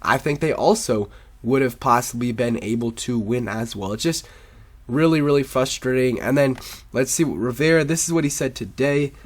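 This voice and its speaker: Man, congested sick voice, sore throat, medium pitch, casual rambling sports commentary. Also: moderate pace. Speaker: sports video host.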